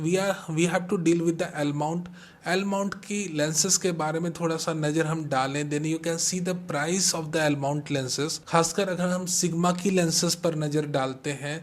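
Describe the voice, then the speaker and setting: A man with a fairly high voice walks through a camera comparison. He explains each spec in turn in a tech-review manner and mixes Hindi with English. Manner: explains step by step, comparing specs.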